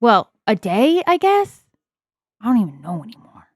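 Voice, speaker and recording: A woman's voice: a little high, very animated, moderate pace, dry recording, studio quality. A woman voicing a small loyal male pet animal with a bad leg, in a wry, weary Bronx accent.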